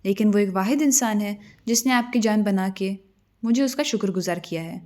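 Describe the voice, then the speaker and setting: A woman voicing a proud, quick-tempered young female fairy in a storybook tale, sharp and indignant. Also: mid-range voice, natural voice.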